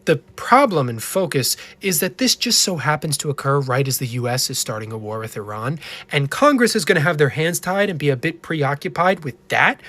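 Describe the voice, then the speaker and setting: A man's voice: on the high side, fairly bright tone, no room sound. A man giving casual, explanatory news commentary as an online presenter.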